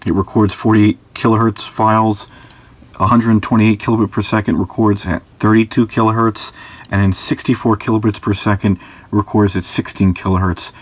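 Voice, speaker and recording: A man's voice: lowish voice, flat delivery, normal speed. A man reviewing a voice recorder, walking through its technical specs in a detailed, mildly exasperated way. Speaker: gadget reviewer. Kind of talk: product review with audio tests.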